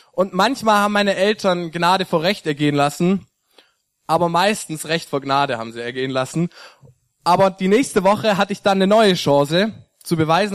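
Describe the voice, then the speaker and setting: A man's voice: high voice, no echo, clean studio sound. A young man preaching a sermon, telling a personal story and reading a Bible passage aloud in an earnest, personal way, with small slips and restarts.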